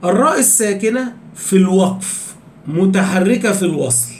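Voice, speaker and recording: A high-pitched man with an Egyptian Arabic accent gives a tajweed lecture. He keeps asking his students questions and drags out each recited example. The sound is echoey, with a faint hum behind him. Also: animated, darkish tone. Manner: explains rules with repeated questions, slows down to recite examples. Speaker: Quran recitation teacher. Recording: echoey room with faint background noise.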